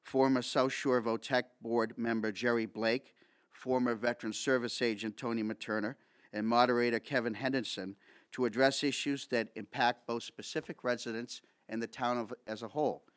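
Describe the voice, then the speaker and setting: A man's voice: mid-range voice, steady tone, clean tone. Middle-aged man reading a formal statement. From Massachusetts. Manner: reads from notes, measured and formal. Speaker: candidate. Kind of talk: prepared opening statement. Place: school meeting room, seated at a table. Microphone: table microphone.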